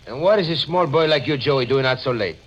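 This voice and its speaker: An actor playing an anxious immigrant shopkeeper with an Italian accent and excitable, halting broken English in radio drama style. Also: male voice, medium pitch, muffled recording, natural voice. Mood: worried. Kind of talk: old-time radio drama acting. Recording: noisy old radio recording, clicks.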